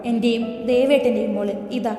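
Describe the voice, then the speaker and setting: A woman's voice: fairly high pitch, fairly even intonation, fairly quick, lightly acted. A woman voicing a tender middle-aged mother. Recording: echoey reverb with soft music.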